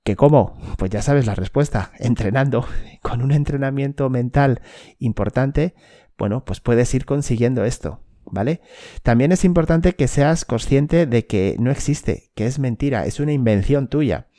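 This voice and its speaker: A man's voice: medium pitch, lively intonation, moderate pace, dark tone. A man, a mental coach for athletes, giving a direct instructional talk to the listener and checking in with "okay?". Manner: direct, addresses listener, tags points with "okay?".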